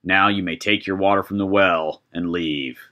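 A man voicing an eerie talking skull that speaks in slow, drawn-out commands. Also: low-pitched, steady tone, highs cut off, close to an everyday voice.

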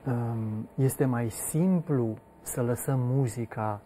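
A man hosting a talk show, speaking calmly and reflectively. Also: medium pitch, slight background noise. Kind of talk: calm interview talk.

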